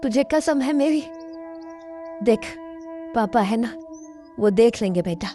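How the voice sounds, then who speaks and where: A woman voicing a poor, hardworking father who is proud and stubborn, with a gruff way of brushing off worry, in a cartoon storybook. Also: a little high, lively intonation, slow pace, mellow, faint music behind.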